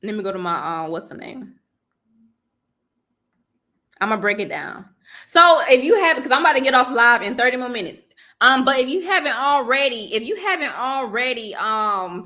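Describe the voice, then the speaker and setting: A woman's voice: on the high side, sharp tone. A woman hosting a live online workshop, chatting casually with viewers, laughing easily and talking through her steps with lots of fillers. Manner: chatty, frequent fillers and restarts, addresses viewers directly. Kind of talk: casual live-stream teaching.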